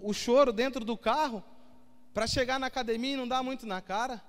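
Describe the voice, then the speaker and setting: Very high-voiced man preaching in a hall. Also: fairly even intonation, brisk. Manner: emotional, storytelling with quoted dialogue. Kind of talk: sermon testimony. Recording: hall reverb with faint music.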